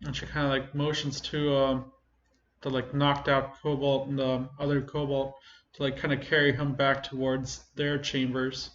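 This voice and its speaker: A man improvising narration as game master of a tabletop game, casual and halting. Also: medium pitch, completely flat delivery, a bit bright. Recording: echoey room, slightly muffled, faint noise.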